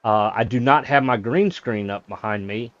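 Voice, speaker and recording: Rambling monotone male game streamer. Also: lowish voice, moderate pace, dry recording, highs cut off. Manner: self-described monotone, rambling with fillers. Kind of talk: casual live-stream chat. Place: small closet office.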